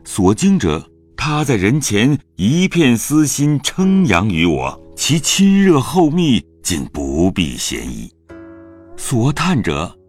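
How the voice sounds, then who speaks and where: A man narrating a classic novel as an audio drama, in a slow, expressive, dramatic reading. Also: fairly low pitch.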